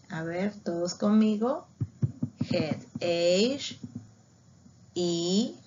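A woman teacher giving a bilingual English lesson, spelling out words and repeating them slowly. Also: mid-range voice, a little mellow, slight background noise. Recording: dull lo-fi recording.

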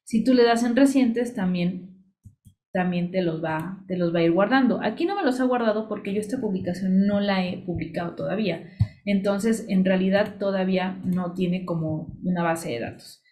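A woman narrates a screen-share tutorial, talking the listener through each click in a chatty, explanatory way. Her pitch sits at an ordinary middle height, and she is close to the mic. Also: moderate pace, warm tone. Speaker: social media business coach.

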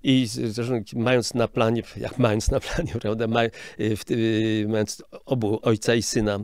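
A man's voice: fairly low pitch, little pitch movement, normal speed, a little mellow, clean tone, no room sound. An older man, a film sound director, explaining his craft in an interview in a hesitant, explanatory way with frequent restarts. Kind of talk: casual interview talk.

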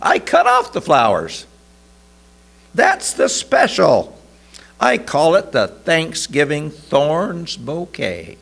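A man voicing a kind, wise woman who runs a flower shop, speaking softly and patiently. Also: deep voice, big pitch swings, slow pace, creaky, breathy edge, voice pushed up, full character voice. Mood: gentle. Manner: soft, patient, consoling.

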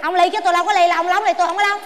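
A shrill, very high-pitched old wife, played by a woman with a Southern Vietnamese accent, bickering in a stage comedy sketch. She whines fast and never gives an inch. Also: level tone, a crowd in the background. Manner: shrill, whiny and quick-tongued. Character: bickering stubborn elderly wife.

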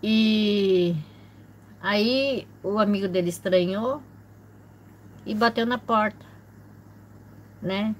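A middle-aged woman telling a personal story on her vlog in a soft, halting way, often repeating herself. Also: medium pitch, a little hiss or hum. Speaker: channel host.

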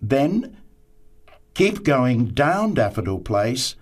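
An actor playing a helpful man who explains calmly, step by step, in a scripted dialogue. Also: medium pitch, extremely slow, exaggerated voice. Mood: helpful, reassuring. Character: helpful man calmly giving street directions. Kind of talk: scripted dialogue for a listening test.

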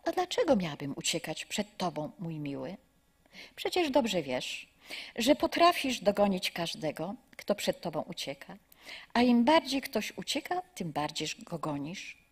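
A woman's voice: lowish voice, sing-song, a little slow, breathy edge, exaggerated voice. A kindly old woman, as a lecturer reads her. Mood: warm. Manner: gentle, reassuring. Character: cheerful old woman, kind and understanding.

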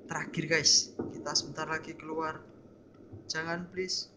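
Playing a horror game on stream, a young man talks to his viewers in a higher-pitched voice, his delivery flat and measured. Tense and jumpy, he keeps addressing them as "guys," with background noise audible.

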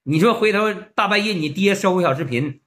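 A man's voice: sits high, animated, a little fast, a bit bright. A man with a Northeastern Mandarin accent, telling stories to his audience in a blunt, mocking, exclamatory way. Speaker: vlogger. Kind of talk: storytelling monologue.

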